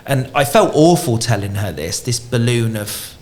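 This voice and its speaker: A man talks casually on a business podcast. He tells lively stories and slips into the voices of the people he quotes. His voice sits at an ordinary middle pitch. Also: normal speed. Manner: animated storyteller, acting out quotes. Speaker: franchise company expert guest.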